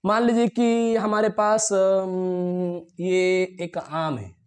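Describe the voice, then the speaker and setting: A man teaching a biology lesson to students, asking questions and answering them himself, clearing his throat now and then. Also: high-pitched, fairly even intonation, extremely slow, darkish tone. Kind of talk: classroom lecture to students.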